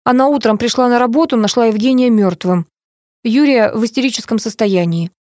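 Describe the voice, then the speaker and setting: A woman reading a first-person novel aloud as an audiobook narrator, calm and measured. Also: on the high side, no echo, studio quality.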